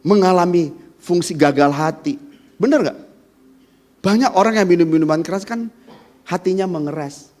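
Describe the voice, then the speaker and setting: A man's voice: high-pitched, moderate pace, pauses often, darkish tone. A man preaching as pastor at a Sunday church service, talking straight to the congregation with rhetorical questions. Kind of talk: sermon.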